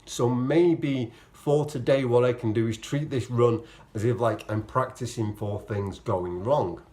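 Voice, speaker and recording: A man with a mid-pitched voice chats informally to camera in vlog style. His explanations ramble and double back as he corrects himself, often acting out what he was thinking. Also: a little slow, a little mellow. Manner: rambling, self-correcting explanations with acted-out quotes of own thoughts. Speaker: vlogger, amateur marathon runner. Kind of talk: casual, chatty vlog to camera.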